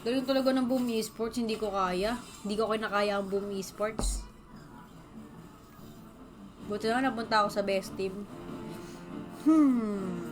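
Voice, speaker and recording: Over background music, a woman from the Philippines runs a casual livestream, reading comments from her audience aloud and answering them chattily. Her Filipino-accented voice is medium in pitch, and she takes her time, leaving long pauses.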